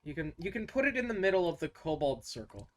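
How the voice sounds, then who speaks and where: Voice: medium pitch, sing-song, fast. A game master narrating a tabletop game in virtual reality, giggly and scattered, breaking into laughter often.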